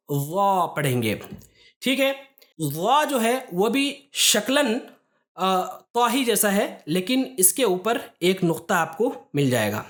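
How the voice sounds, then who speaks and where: Woman teaching letter pronunciation patiently. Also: mid-range voice. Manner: patient, step-by-step explaining with frequent "theek hai" checks. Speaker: Quran recitation teacher. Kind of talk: explaining a lesson to students.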